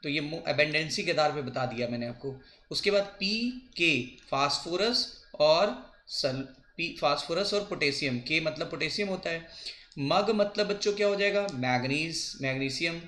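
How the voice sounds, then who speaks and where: A man teaching a biology coaching lesson, repeating and spelling out memory tricks slowly for his students. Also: on the high side, pushed and bright. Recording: echoey room.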